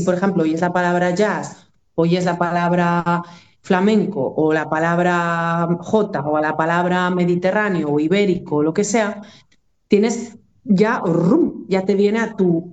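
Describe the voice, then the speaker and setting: This woman has a lowish voice with a darkish tone, heard through lo-fi sound. A musician from Aragón, Spain, with a northern Spanish accent, she reflects casually and discursively in an interview.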